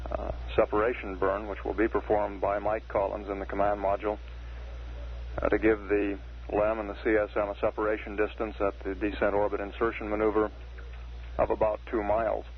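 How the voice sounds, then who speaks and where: An American man giving measured, deadpan mission status commentary as a public affairs announcer, with hesitant pauses. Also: lowish voice. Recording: dull 1960s broadcast with faint hiss.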